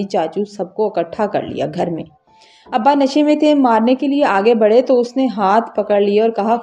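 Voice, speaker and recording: A woman's voice: mid-range voice, mellow. A woman narrating an emotional first-person story in an earnest, scripted way.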